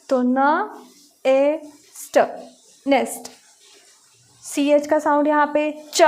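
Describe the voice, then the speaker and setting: Slow high-voiced Indian phonics teacher. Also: female voice. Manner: slow, sounding out letters one by one. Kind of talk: classroom phonics lesson for young children.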